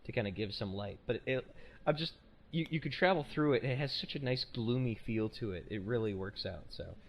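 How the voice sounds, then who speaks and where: A man's voice: medium pitch, brisk. A man hosting a casual podcast, rambling and self-correcting with a joking tone. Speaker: podcast host.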